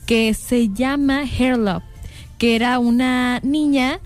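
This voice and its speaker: A woman's voice: a little high, fairly even intonation, slow pace, faint music behind. A young woman with a Mexican accent, co-hosting a casual panel chat and thinking aloud with frequent fillers. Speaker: podcast co-host.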